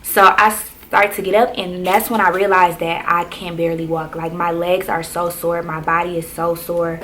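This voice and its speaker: A woman's voice: lowish voice, level tone, normal speed, fairly bright tone, a little hiss or hum. A young woman vlogger, telling a personal story in casual chat, full of fillers. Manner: conversational, many fillers like "like" and "um".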